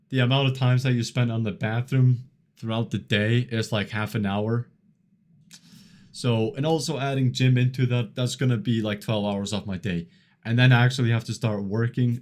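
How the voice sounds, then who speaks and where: A man in his early twenties talks to his live-stream chat in a loose, rambling way. He often chuckles and leans on fillers like "like" and "you know". His voice sits in an ordinary middle pitch. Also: darkish tone. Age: 20s. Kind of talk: casual live-stream chat reading chat messages.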